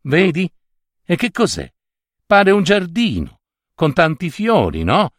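A man reading aloud and voicing an older mother who gently coaxes a young girl. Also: a little high, wildly swooping pitch, takes it slowly, no echo, clean studio sound, voice pushed up, exaggerated voice. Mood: coaxing. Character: kindly older mother coaxing a young bride.

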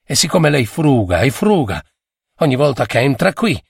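A man's voice: mid-range voice, sing-song, normal speed, gravelly, husky, no echo, studio quality, distant mic, full character voice. A man voicing a fierce, bitter peasant wife who speaks in a cutting, accusing way. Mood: bitter defiant.

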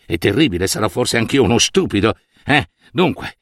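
A man doing a low, insecure vain emperor. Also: expressive, brisk, dry recording, studio quality. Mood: anxious. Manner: low worried muttering turning to pompous gushing.

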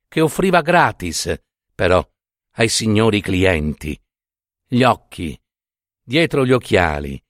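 A man narrating a literary short story with expressive, theatrical phrasing. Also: medium pitch, no echo, studio quality. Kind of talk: dramatic audiobook narration.

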